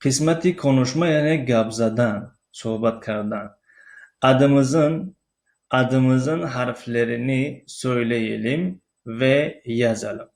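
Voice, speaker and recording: A man with a Tajik accent teaching a recorded language lesson, explaining slowly with frequent pauses and fillers and spelling out letters one at a time. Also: mid-range voice, gravelly, darkish tone.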